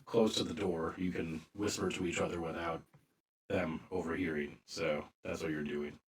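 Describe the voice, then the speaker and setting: A man narrating a tabletop role-playing game as game master, calm and matter-of-fact. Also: deep voice, normal speed.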